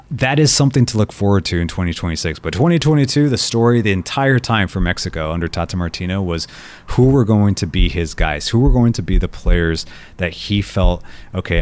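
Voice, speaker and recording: A man from Colombia giving solo soccer commentary, thoughtful and prone to restarting his sentences. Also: sits low. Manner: thoughtful, frequent restarts and repeated words. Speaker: soccer writer and podcast host.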